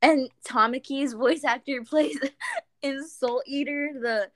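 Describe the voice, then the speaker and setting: A woman's voice: high voice, takes it slowly. A young woman chatting casually, giggly and gushing, often trailing off with fillers. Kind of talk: casual chat.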